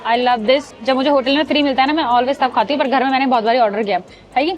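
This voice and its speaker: A young woman records a casual travel vlog inside an airport terminal. Her voice sits a little high, and she talks in a chatty way, calling her viewers guys and mixing in English words. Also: fast, dull audio. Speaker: vlogger host.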